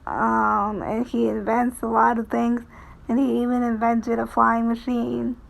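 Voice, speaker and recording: A woman giving casual, rambling commentary as a streamer, in a halting, hesitant way with phrases that trail off. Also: on the high side, steady tone, vocal fry, low-quality recording. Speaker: VTuber streamer.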